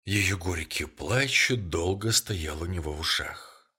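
A man narrating an audiobook story in a measured, somber way. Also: low-pitched, lively intonation, bright, forceful tone, breathy edge.

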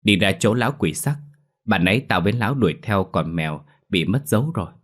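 A man's voice: on the low side, expressive, fairly quick. A man voicing a stern young male exorcist who talks in a brusque, commanding way, in a spoken ghost story.

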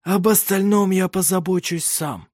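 A man voicing a cold, menacing man in an audiobook, speaking in a lifeless, monotone, hoarse rasp with curt commands. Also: sits high, measured pace, no echo, studio quality, pitched above the performer's own voice.

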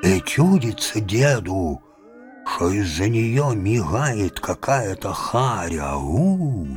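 A man reading a folk tale aloud with theatrical, lively intonation. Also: on the low side, slow pace, soft background music. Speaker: narrator. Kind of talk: expressive storytelling reading.

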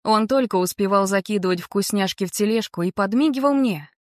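A woman narrating a novel in the first person, telling it calmly and confidingly. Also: medium pitch, brisk, no echo, clean studio sound. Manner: calm, confiding storytelling. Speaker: audiobook narrator.

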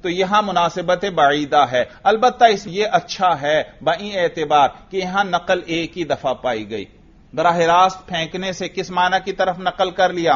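A man's voice: fairly high pitch, a bit bright, muffled recording. A man teaching a lecture class, explaining step by step and asking himself questions before answering them. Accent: Urdu. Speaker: teacher of Arabic grammar.

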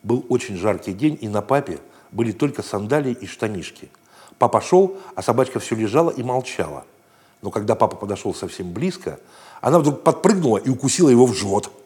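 Husky man reading a playful children's story. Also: medium pitch, sing-song, brisk. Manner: gentle, playful storytelling with raised voices for shouted lines. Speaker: narrator.

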